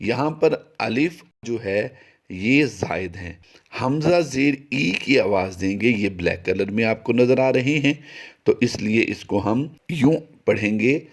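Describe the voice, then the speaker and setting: Slow, patient male Quran reading teacher. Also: expressive. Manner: slow, patient explanation, chanting the sample words long and high. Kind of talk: recorded tajweed lesson.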